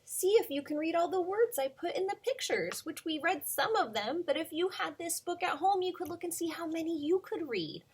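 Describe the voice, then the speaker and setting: At home, a preschool teacher reads a picture book aloud to young children, playful and expressive, asking them questions and sometimes whispering. Her voice sits on the high side and is slightly rough.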